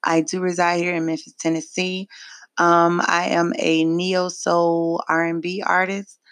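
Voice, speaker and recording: A woman with an American accent and a raspy, deep, soulful voice, talking in a sultry, unhurried way as a guest in a casual podcast interview. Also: flat delivery, fairly bright tone, dry recording. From Michigan, United States. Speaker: podcast guest, neo soul R&B singer.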